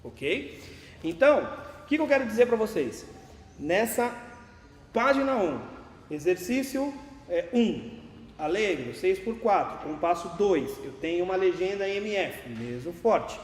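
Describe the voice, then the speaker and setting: A man's voice: high-pitched, sing-song, a little slow, darkish tone. A man teaching a music class, patiently explaining dynamics while counting beats and singing note names. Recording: echoey classroom with long reverb, faint room noise.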